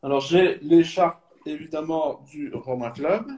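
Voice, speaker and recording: Speaking with a fairly high voice at a measured pace, a man in his thirties from Belgium takes part in a casual video call interview as a supporters club guest. The recording is very noisy, and his speech is halting, with many fillers and restarts.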